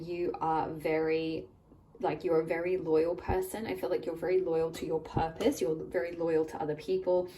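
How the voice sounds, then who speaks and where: A woman giving a casual pick-a-card tarot reading. Her voice is slightly croaky from a recent illness, and she talks in a rambling, reassuring way with lots of "like" and "I feel like". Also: deep voice, mellow, distant mic, a little hiss or hum, poor audio.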